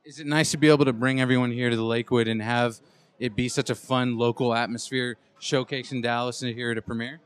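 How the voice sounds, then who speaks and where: A man's voice: mid-range voice, steady tone, quick pace, smooth. A man hosting red carpet interviews at a film premiere with upbeat promotional patter.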